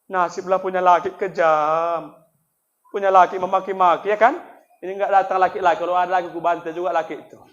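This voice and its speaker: Male preacher, high voice, comic sermon with sudden loud peaks and hushed asides; muffled lo-fi audio. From North Sumatra. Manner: swings between loud preaching and soft asides, acts out dialogue. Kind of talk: comic sermon at a religious festival. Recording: dull lo-fi sound.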